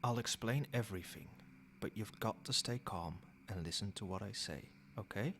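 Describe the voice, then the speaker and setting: In an intimate ASMR roleplay, a man voices an ancient male vampire sire, speaking low, soft and creaky. His measured, formal phrasing feels soothing, gentle and possessive, with noticeable background noise behind it.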